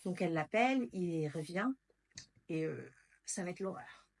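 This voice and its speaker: A woman's voice: fairly low pitch, animated, a little slow. A woman vlogger telling a personal story in a candid, casual way, blunt and emotional, with slang and swearing.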